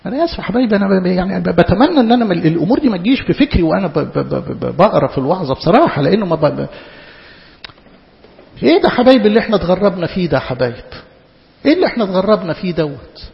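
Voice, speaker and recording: A man's voice: high-pitched, expressive, racing, creaky. A man with an Egyptian Arabic accent preaching a sermon in an impassioned, rhetorical way, firing questions at his listeners. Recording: echoey hall, dull lo-fi sound.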